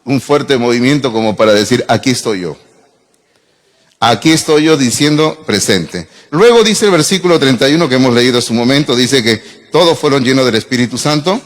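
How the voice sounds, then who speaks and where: A man's voice: medium pitch, expressive, fairly quick, big-room sound. A middle-aged man, preaching a sermon in a church, chatting with the congregation through frequent asides and questions. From Peru. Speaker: pastor. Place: church sanctuary.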